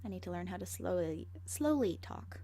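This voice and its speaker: A woman narrating scary stories in a conversational, slightly halting way, as an amateur. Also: on the low side, little pitch movement. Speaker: amateur horror story narrator. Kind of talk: first-person scary story narration and channel outro. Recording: home recording with faint background noise.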